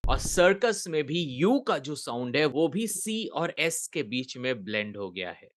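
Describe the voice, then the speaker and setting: A man with an Indian English accent teaching pronunciation, drawing out example words slowly and in a lively way. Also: on the high side. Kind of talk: pronunciation lesson.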